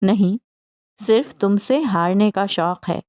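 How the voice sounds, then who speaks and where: A woman voicing a playful young man who jokes gently with his tearful fiancée in an audiobook. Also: mid-range voice, close to an everyday voice. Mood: teasing. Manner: gentle joking banter.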